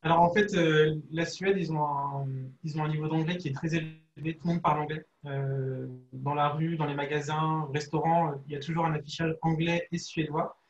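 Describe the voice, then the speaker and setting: A man's voice: fairly high pitch, flat delivery, fairly quick, hardly any pauses, reverberant, highs cut off. A man from France with a French accent, a former student speaking frankly and informally in a panel discussion over a video call. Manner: frank, informal, casual phrasing. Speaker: alumnus guest.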